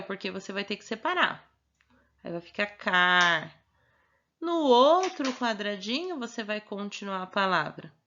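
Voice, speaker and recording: A woman teacher giving a recorded remote lesson, patiently sounding out words slowly and checking that the child follows. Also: mid-range voice, pushed and bright. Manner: patient, slow, spelling words out. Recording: muffled lo-fi recording.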